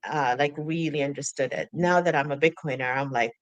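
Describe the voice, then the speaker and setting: Low-voiced, lively woman from Sudan. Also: fairly quick, no room sound, muffled recording. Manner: animated, laughs often, acts out her own thoughts. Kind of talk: casual conversation.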